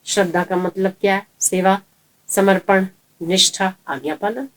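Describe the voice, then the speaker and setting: A woman's voice: mid-range voice, a little slow. A woman preacher giving a sermon, telling parables and asking rhetorical questions. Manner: lively storytelling, rhetorical questions. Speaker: spiritual preacher.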